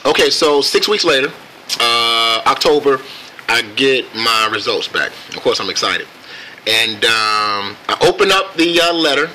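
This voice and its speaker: An American man casually telling a personal story on camera in a reflective, laid-back and halting way. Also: medium pitch, expressive, sharp tone, slight background noise, low-quality recording. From United States. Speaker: vlogger.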